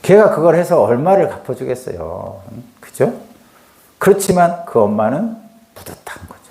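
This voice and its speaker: A man's voice: mid-range voice, big pitch swings, moderate pace, creaky, dark tone, reverberant. A middle-aged male pastor preaching a dawn sermon in a conversational way. He acts out dialogue and asks rhetorical questions.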